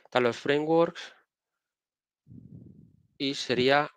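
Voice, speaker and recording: A man with a Spanish accent talks through software in a relaxed, conversational way. He is a guest on a live technical stream, walking viewers through his screen, and he often restarts his phrases. The sound is dry and close, with no room around it. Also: a little high, takes it slowly, clean tone, dry recording. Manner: casual, explains while sharing screen, frequent restarts. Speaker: guest speaker.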